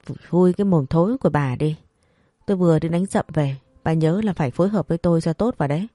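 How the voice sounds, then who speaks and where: A narrator voicing a sly, bossy peasant husband, talking quickly. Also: medium pitch, mellow, no room sound, clean studio sound, close to an everyday voice. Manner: bossy, crafty, brusque.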